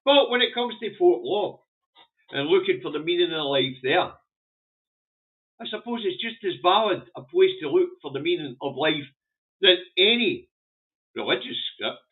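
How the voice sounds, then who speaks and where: With a high, expressive voice, a man talks at a normal speed and pauses often as he reviews the day's newspaper front pages. This vlogger's take is casual and opinionated, delivered bluntly, swearily and ramblingly in a broad Scottish accent, and Scots is his first language. The sound is muffled and phone-like with a narrow band.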